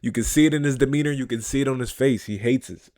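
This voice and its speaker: A man's voice: medium pitch, fast talker, a little mellow, no echo, studio quality. A man hosting a reaction video, talking in a casual, incredulous and profane way.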